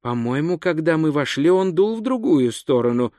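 A man voicing Abitan, an uneasy male bandit who speaks in a hushed way in a storybook reading. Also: fairly high pitch, very animated, normal speed, no room sound, studio quality.

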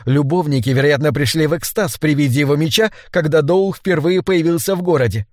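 A man voicing a cold, proud woman scholar with clipped, even speech in an audiobook. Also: fairly high pitch, a little fast, dry recording, studio quality, lightly acted. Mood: tense.

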